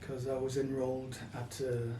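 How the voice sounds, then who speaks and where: With a mid-range voice and completely flat delivery at normal speed, an older man shares personal stories in an interview, reflectively and with slight hesitation. He came from the Caribbean to England in childhood, and the audio is echoey, distant-miked and faintly noisy.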